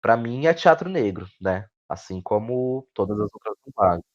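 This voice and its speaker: A Brazilian-accented man, a guest playwright and actor, gives reflective interview answers in a lowish voice with lively intonation and a moderate pace. He searches for words, repeats phrases and often ends on tag questions. The audio is dull and lo-fi.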